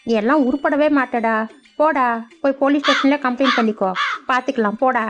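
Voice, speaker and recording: A woman voicing a shrill, scolding old village mother. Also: brisk, fairly bright tone. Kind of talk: cartoon voice acting. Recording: dull lo-fi sound.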